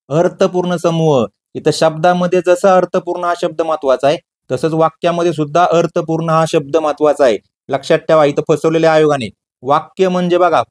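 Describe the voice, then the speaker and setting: A man leads an exam-prep grammar lesson. His voice sits a little high, and he drills each definition by asking a question and answering it himself, repeating the key words. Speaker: teacher.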